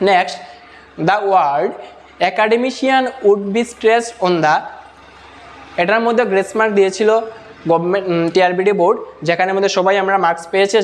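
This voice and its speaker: A man with a high-pitched voice goes through a teacher-exam paper answer by answer. He reads each English question out slowly, word by word, then explains the answer in Bengali peppered with English terms. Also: a little hiss or hum.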